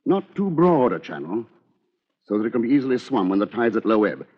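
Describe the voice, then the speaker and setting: In a 1940s radio drama, a male actor gives first-person narration as a scheming, precise lawyer coolly recounting his crime. His medium-pitched, slightly rough voice swings widely in pitch as he delivers brisk, calculating, coolly confiding lines at a fairly quick clip. The old recording sounds dull and lo-fi.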